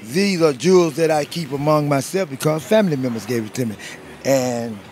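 A man, loud and profane, taunting in a sing-song way during a street interview. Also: a little high, animated, fairly quick. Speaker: passerby being interviewed.

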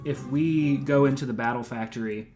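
A slightly mellow, mid-range voice at normal speed, with faint music behind it, comes from a twenty-something let's play streamer. He rambles through casual gameplay commentary on his live stream, laid-back and full of "um," "dude," and "man."

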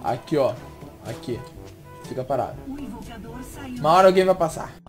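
A young man gives gameplay commentary. He is excitable and swings from muttering to shouted outbursts. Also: medium pitch, moderate pace, soft background music. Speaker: gaming video host.

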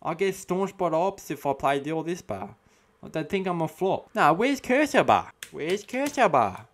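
A man's voice: on the high side, big pitch swings, normal speed. Man putting on a cocky Australian eshay, thick slang. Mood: cocky, casual. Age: 20s. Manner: eshay slang, tacks 'bah' onto sentences. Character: cocky, combative young male Australian eshay lout. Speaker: comedy host reacting to a chatbot. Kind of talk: comedic character commentary. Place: small room at home, indoors. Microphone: close studio mic on boom arm.

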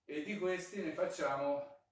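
A man in his forties leading a home workout class as fitness instructor, counting reps slowly and giving short cues while he exercises. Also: on the high side. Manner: slow, measured counting with brief cues; exercising while talking, moving toward and away from camera. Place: home living room with exercise balls. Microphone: fixed camera mic across the room. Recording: very echoey room, voice from far off.

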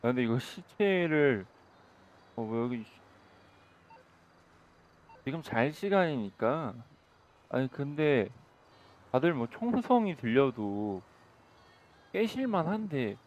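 A man improvising game role-play commentary, chatty and sarcastic, bursting into loud shouting. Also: mid-range voice, big pitch swings, slow, long pauses, lo-fi sound.

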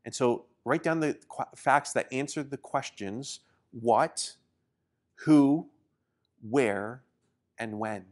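Taking it slowly with long pauses, a pastor in his forties raised in Indonesia preaches to camera in a mid-range voice on a small studio set. He is earnest and encouraging and often restarts what he is saying.

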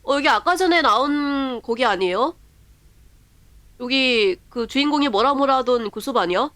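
A woman's voice: sits high, animated, fairly bright tone, dry recording. Woman streamer, slightly raised voice, chatty horror playthrough commentary, reads game text aloud, bursts of repeated yelps. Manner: bursts of rapid repeated exclamations. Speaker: live streamer.

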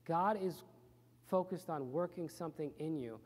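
A man's voice: on the high side, normal speed, darkish tone. Earnest male pastor preaching. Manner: earnest, plain-spoken preaching with repeated phrases. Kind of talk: sermon. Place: church. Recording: reverberant church hall.

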